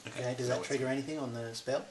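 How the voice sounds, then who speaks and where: A man playing a tabletop game, reading out dice rolls in a quick, matter-of-fact way. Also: medium pitch, fairly even intonation. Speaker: player. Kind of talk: casual tabletop game chat. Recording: clear background noise.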